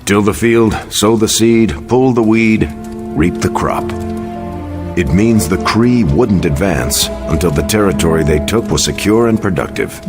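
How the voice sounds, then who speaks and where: Over music, a low male voice plays an earnest, thoughtful veteran soldier superhero in a video game. The actor delivers measured declarations in an earnest, eager mood.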